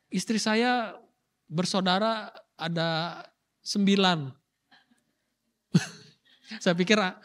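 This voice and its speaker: High bright-voiced preaching pastor. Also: male voice, long reverb tail. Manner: lively preaching with acted asides and rhetorical questions. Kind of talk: sermon.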